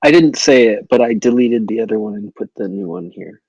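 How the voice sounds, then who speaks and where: A man's voice: mid-range voice, animated, brisk, creaky, a little mellow, no room sound, poor audio. A man playing a tabletop game, chatting casually in a matter-of-fact way. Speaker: player. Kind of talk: casual chat.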